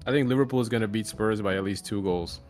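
An American man co-hosting a sports podcast, chatting casually with dry, deadpan quips. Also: lowish voice, quick pace, faint music behind. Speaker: podcast co-host. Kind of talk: casual chat.

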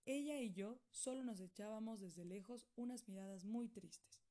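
A woman's voice: mid-range voice, moderate pace, mellow. Woman narrating. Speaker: audiobook reader. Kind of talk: first-person audiobook narration.

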